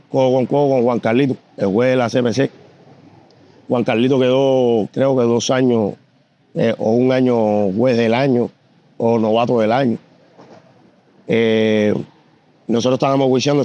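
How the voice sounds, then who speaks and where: A man's voice: mid-range voice, lo-fi sound. Man telling judging anecdotes. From Cuba. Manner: animated anecdotes with frequent fillers and repetitions. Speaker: competition pigeon judge. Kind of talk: storytelling in an interview.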